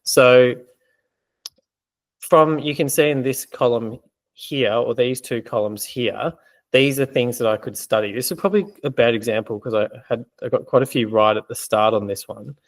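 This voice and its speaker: A man's voice: medium pitch, normal speed. A man working as an exam prep tutor, explaining in a conversational way with many fillers during a casual teaching Q&A.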